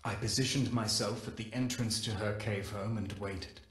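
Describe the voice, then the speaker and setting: A low-voiced male scientist, played by a man, recounts his journal entries in a measured, solemn way. The delivery is steady and sober, like a recorded game log, and the voice rings out in a roomy space. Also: close to an everyday voice. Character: Corpus scientist recounting a wild animal. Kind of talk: scripted game audio-log narration.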